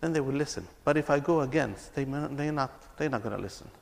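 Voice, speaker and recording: A medium-pitched, gravelly man from Palestine talks fast while giving a speech on reconciliation to an audience. His storytelling is earnest and repetitive, and the hall adds a reverberant sound.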